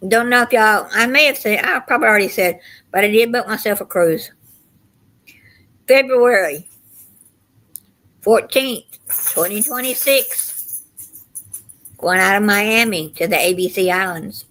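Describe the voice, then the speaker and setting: An older woman with a Southern US accent hosts a casual livestream. She talks in a folksy, meandering way, wandering from one story into the next. Her voice sits at an average pitch for a woman. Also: measured pace, pauses often, a bit bright, rough recording. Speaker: livestream host. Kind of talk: casual rambling chat to livestream viewers.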